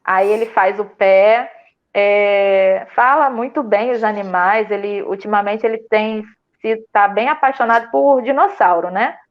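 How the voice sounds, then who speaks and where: A woman with a Brazilian Portuguese accent telling her story in a casual interview, animated and full of fillers and restarts. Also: mid-range voice, measured pace, muffled recording. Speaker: student telling her experience.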